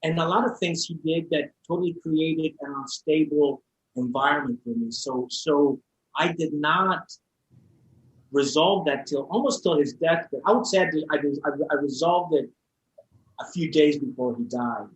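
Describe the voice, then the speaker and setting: A man tells his own story on a podcast in a slightly higher register. He speaks openly and with feeling. He often stops, repeats words and starts his sentences over. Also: normal speed, muffled recording. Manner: heartfelt and open. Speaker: interview guest. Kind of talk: personal storytelling in a podcast conversation.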